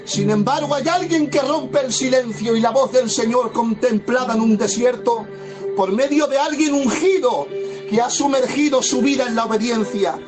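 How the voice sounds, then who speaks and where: With a high, ringing voice, a pastor delivers an impassioned sermon at normal speed, driving his points home through repetition. A gently plucked guitar is clearly audible beneath him.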